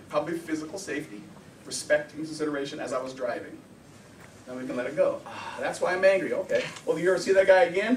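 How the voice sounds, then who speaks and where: A man teaching an informal anger management class, talking in a lively, conversational way and acting out the voices of the people he quotes. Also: high-pitched, slight background noise. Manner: animated, conversational, acts out quotes. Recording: echoey room, voice from a distance.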